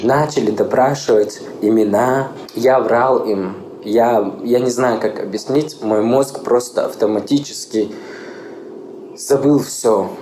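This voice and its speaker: A man, quietly and haltingly recalling his experiences in an interview. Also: mid-range voice. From Chechnya. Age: 20s. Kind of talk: testimony interview. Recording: roomy echo, faint ambient noise.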